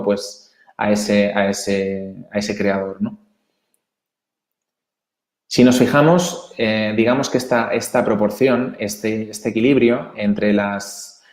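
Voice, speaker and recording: Spanish guy walking through slides, low voice, lots of restarts, roomy echo. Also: darkish tone. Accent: Spanish from Spain. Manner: earnest, emphatic, with many restarts and tag questions. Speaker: presenter. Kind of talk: explaining slides to an audience.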